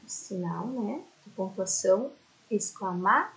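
A woman's voice: medium pitch, expressive, measured pace, a bit bright, poor audio. A Brazilian woman teaching a primary school lesson in a recorded remote class. She talks affectionately and explains step by step, often checking in with her pupils. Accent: Brazilian Portuguese.

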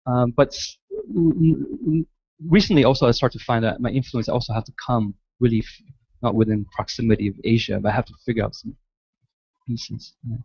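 A man's voice: mid-range voice, fairly quick, gravelly, a little mellow, slightly rough, no room sound. Hesitant man answering questions, dull lo-fi sound. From Malaysia, raised in the United States. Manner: hesitant, many restarts and fillers. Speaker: guest architect lecturer. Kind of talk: answering audience questions at a lecture. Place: large lecture hall.

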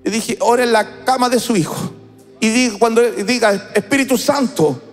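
Enfático predicador de voz muy aguda con acento brasileño. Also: male voice, very high-pitched, moderate pace, big-room sound, faint music behind. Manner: emphatic, chanting, acts out the story. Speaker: preacher. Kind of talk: sermon. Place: church service.

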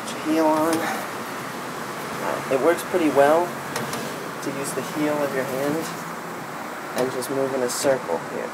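On a wooden porch outside, a man in his twenties presents a DIY tutorial, casually and without a script, as his hands do the work. He has a mid-range voice, a measured pace and long pauses; the outdoor camera audio has a steady hum of background noise.

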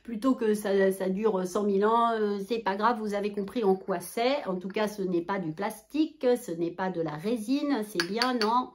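A woman's voice: medium pitch, moderate pace, hardly any pauses. A woman, from the southwest of France, presenting a shopping haul on her vlog. She speaks casually and animatedly, with lots of filler words and friendly asides to her viewers. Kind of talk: chatty product haul vlog.

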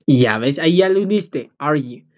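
A woman teaching a live online English lesson, drilling phrases slowly and encouraging her students. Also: low voice, lively intonation, a little mellow.

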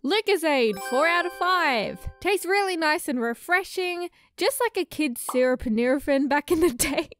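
A young Australian woman recording voice-over, handing out quick joking verdicts on snacks. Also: sits high, lively intonation, fairly bright tone. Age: young adult. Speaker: vlogger giving snack ratings. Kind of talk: voice-over commentary. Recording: dry voice-over, faint music.

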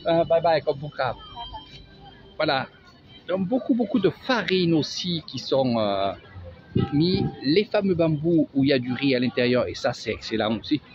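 A man's voice: fairly high pitch, animated, normal speed. A man with a Marseille accent, chatty and sing-song, giving a casual walking tour of an outdoor market as a travel vlogger. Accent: Marseille French. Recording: dull lo-fi audio with music.

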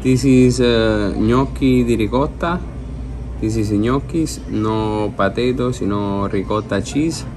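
Slow-spoken Italian chef, halting English. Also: male voice, fairly low pitch, noisy background. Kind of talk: explaining dishes in an interview. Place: indoor restaurant booth. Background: background music.

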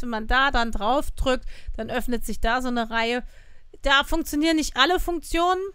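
Woman trainer, chatty tutorial voice, fairly high and smooth, dry close recording. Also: fairly bright tone, dry recording. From Germany. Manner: chatty, acts out quoted participants. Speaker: online trainer. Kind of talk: casual explanatory tutorial.

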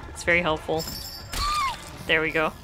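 A woman's voice: low-pitched, completely flat delivery, moderate pace, music in the background. A woman streaming a video game, talking to herself through the match in blunt, profane commentary. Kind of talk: live gameplay commentary.

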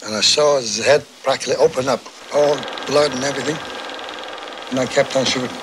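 A distressed man giving a halting eyewitness account in a live television interview. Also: medium pitch. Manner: halting, hesitant. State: shaken, distressed. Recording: 1960s live television broadcast with background noise.

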